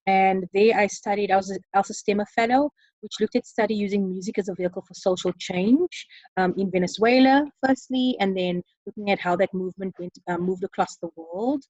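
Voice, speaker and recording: A woman facilitating an online session, speaking earnestly with many ums and pauses. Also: medium pitch, darkish tone, dry recording, highs cut off. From South Africa. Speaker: webinar facilitator. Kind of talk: online presentation. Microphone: computer mic on a video call.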